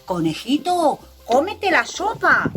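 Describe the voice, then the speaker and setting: A woman's voice: sits high, wildly swooping pitch, takes it slowly, voice pushed up, heavily acted. A woman voicing a fussing father rabbit in a storybook reading for children, giving firm, stretched-out commands. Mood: commanding.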